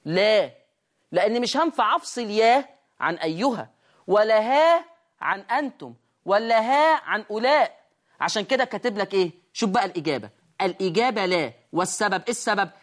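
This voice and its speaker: A woman's voice: medium pitch, lively intonation, brisk. A woman with an Egyptian accent teaching tajweed on screen, explaining step by step and asking and answering her own questions. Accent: Egyptian Arabic. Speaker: Quran recitation teacher. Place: studio lesson with a control room.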